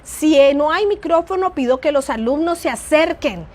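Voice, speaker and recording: A middle-aged woman with a naturally soft voice, teaching an online church class and shifting her tone and volume for emphasis. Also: sits high, lively intonation, moderate pace. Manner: varies tone and volume for emphasis, addresses listener as "mi amado".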